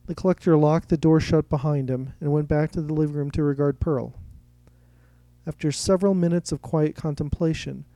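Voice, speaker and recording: Male audiobook narrator, mellow dark timbre, dry close sound. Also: on the high side, dry recording. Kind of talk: scripted story narration.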